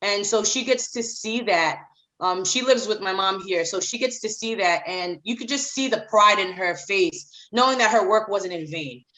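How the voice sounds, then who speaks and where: Woman from Haiti, middle-aged, emphatic, repeats herself for weight, interview guest, mid-pitched voice. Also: normal speed, sharp tone, poor audio. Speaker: children's author, guest. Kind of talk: podcast interview.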